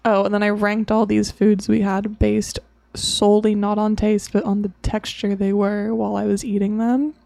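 A woman's voice: medium pitch, normal speed, gravelly, dry recording. A young woman, a podcast guest, telling a funny story in casual chat. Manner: animated storytelling, laughing at her own stories.

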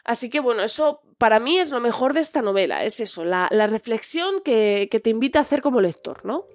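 Chatty woman, higher voice. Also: animated, a little fast, no echo. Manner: chatty and reflective, with frequent filler words. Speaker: podcast host. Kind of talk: book recommendation podcast.

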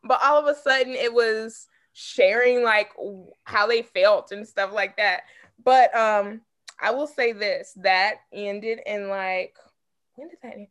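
A woman on a podcast tells a personal story frankly and candidly, in a relaxed, chatty way. Her voice sits fairly high for a woman. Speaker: podcast guest. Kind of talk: casual chat.

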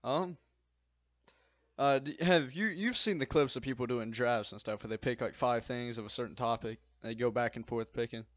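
A man's voice: medium pitch, moderate pace, a bit bright, no room sound. Hesitant young man, dry close sound. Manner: hesitant, many ums, laughs often. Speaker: podcast co-host. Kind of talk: casual chat.

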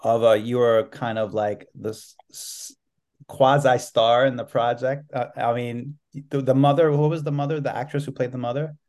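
This New York City man hosts a podcast interview in a loose, rambling way, saying "like" constantly during the casual chat. He speaks at a moderate pace with a steady tone, in a mid-range, darkish voice.

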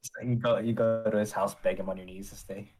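Laid-back lower-voiced male co-host. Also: steady tone, a little fast, a little mellow, faint music behind. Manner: laid-back slangy banter. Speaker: podcast co-host. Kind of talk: casual chat.

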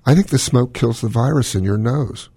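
This doctor runs a call-in radio program, a cardiologist whose smoky, gravelly mid-range voice sounds mellow at a moderate pace as he offers lengthy, opinionated explanations. The studio-quality sound has no room ambience.

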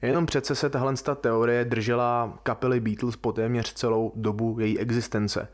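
A man's voice: mid-range voice, little pitch movement. A man hosting a podcast, talking through a subject alone in an informal, colloquial, musing way. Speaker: podcast host. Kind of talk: casual podcast monologue.

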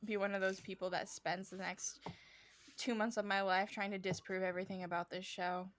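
At a brisk pace and in a mid-range voice, a female podcast co-host gives a casual rundown of a show, impersonating its characters with lively energy and cursing without hesitation.

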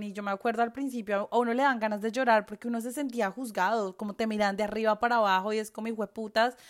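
A woman from Colombia with a Colombian accent, chatting casually on a podcast and swearing freely. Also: fairly high pitch. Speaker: podcast co-host.

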